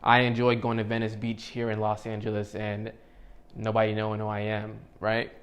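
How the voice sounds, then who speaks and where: Low, flat-voiced man in his thirties. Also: normal speed. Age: 30s. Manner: relaxed, rambling, with fillers and restarts. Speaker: vlogger. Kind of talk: casual motivational talk to camera.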